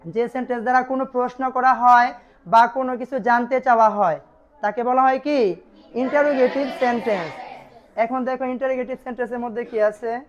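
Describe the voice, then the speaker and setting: A woman with a Bangladeshi accent teaching an English grammar lesson in a classroom. She asks questions and answers them herself, and reads English examples slowly before translating them. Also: fairly high pitch, fairly even intonation. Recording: dull lo-fi sound.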